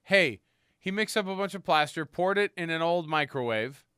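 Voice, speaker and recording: A man's voice: fairly high pitch, lively intonation, moderate pace, bright, forceful tone, clear, resonant tone, no echo, clean studio sound. A man co-hosting a casual comedy talk show, sarcastic and fond of acting out quoted lines. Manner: sarcastic, acts out quotes in exaggerated voices. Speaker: podcast co-host.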